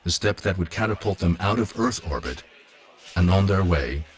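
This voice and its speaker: A man's voice: low voice, expressive, moderate pace. A man reading scripted narration as a documentary narrator. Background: prominent music.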